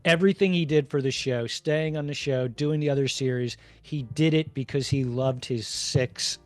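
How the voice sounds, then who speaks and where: A man co-hosting a casual podcast chat, telling stories with deadpan jokes. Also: mid-range voice, normal speed, soft background music. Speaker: podcast co-host.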